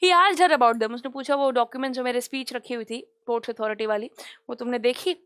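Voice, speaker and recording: A woman's voice: a little high, a little fast, a bit bright, smooth, dry recording, clean studio sound. A woman teacher explaining a story to her class, mixing English lines with Hindi retelling and asking questions as she goes. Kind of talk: Hindi-English literature lesson.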